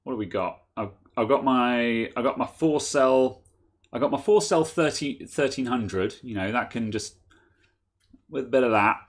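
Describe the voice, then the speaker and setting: A man's voice: mid-range voice, normal speed. A man co-hosting a casual tech chat, rambling, restarting sentences and laughing often. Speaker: podcast co-host.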